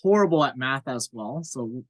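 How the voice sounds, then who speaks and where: A man's voice: medium pitch, expressive, moderate pace, no echo, low-quality recording. Man, 30s, from Cape Breton; podcast guest, candid, meandering, self-deprecating, dry close sound. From Cape Breton Island, Nova Scotia, Canada. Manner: candid, rambling, self-deprecating with frequent fillers. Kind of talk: casual interview chat.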